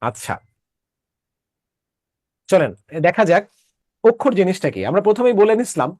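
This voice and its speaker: A man's voice: sits high, big pitch swings, moderate pace, darkish tone, no echo, studio quality. A man teaching an online class, explaining step by step and checking that students follow with short questions.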